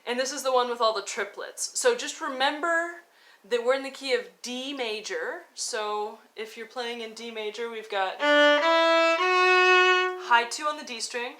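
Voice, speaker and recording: Over music, a violin teacher gives an instructional lesson in a fairly high, unhurried voice. She coaches informally and with encouragement, talking and demonstrating as she explains and counts out fingerings.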